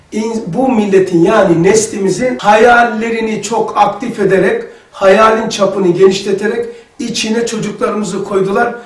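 A man giving a religious lesson to a group, telling lively stories and acting out the dialogue. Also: high voice, recorded from a distance. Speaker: religious teacher. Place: lesson room. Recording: roomy sound from off-mic.

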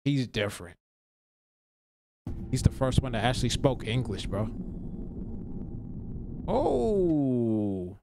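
A man's voice: medium pitch, wildly swooping pitch, takes it slowly, vocal fry, pauses often, background noise. A man hosting a reaction video, talking in a laid-back, rambling way and tossing in "bro" and "man" constantly, a little tired after work. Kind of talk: casual reaction commentary.

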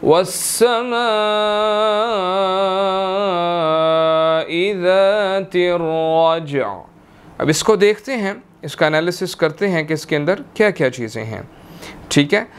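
A man teaching Quran tajweed in a recorded lesson, reciting verses slowly and drawn out, then explaining each letter and saying "theek hai" often. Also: fairly high pitch, lively intonation, vocal fry.

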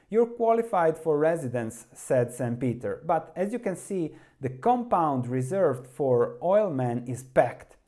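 Mellow-voiced man explaining investing. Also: a little high. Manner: earnest, emphatic explainer with repeated words. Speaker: stock market analyst and channel host. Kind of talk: educational commentary reading from a shareholder letter.

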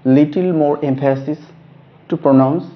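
Guy teaching the alphabet real slow, careful, kinda dull lo-fi sound. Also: on the high side, steady tone. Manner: slow, deliberate, stresses each letter name. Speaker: English teacher. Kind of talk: teaching lesson. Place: room with a whiteboard. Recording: dull lo-fi recording.

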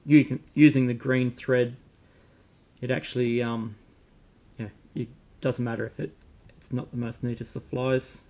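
A man, calmly demonstrating fly tying at a desk at home, talking while he works with frequent ums. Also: mid-range voice, unhurried. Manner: relaxed, talks while working, frequent ums. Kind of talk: casual demonstration. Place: home room with bookshelves, indoors.

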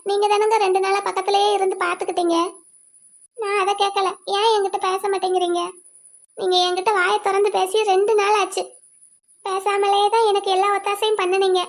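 A woman's voice: extremely high pitch, little pitch movement, brisk. Woman voicing a tiny-voiced clingy cartoon wife. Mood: pleading. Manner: pleading, childlike and coaxing. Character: young woman, a sweet, clingy and pleading wife. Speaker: cartoon voice actor. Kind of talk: cartoon voice acting.

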